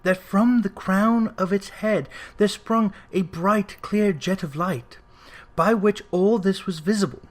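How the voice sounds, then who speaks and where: The voice belongs to a male audiobook narrator with a touch of height in his pitch. He reads classic fiction with a measured, expressive, literary storytelling manner.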